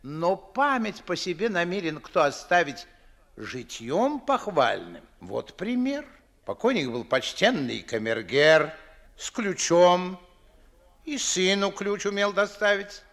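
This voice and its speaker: An older man plays a pompous, fussy aristocratic Moscow father and official in a 1950s stage-style radio play. His high, slightly bright, exaggerated voice swoops through big pitch swings as he muses and sighs in theatrical, declamatory, drawn-out emphatic phrasing.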